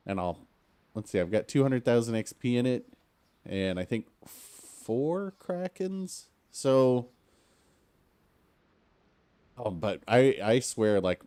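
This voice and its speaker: A man's voice: low-pitched, darkish tone, clean tone. A man commentating his own live game stream in a rambling, conversational way with many fillers, sounding stuffy and a little hungover.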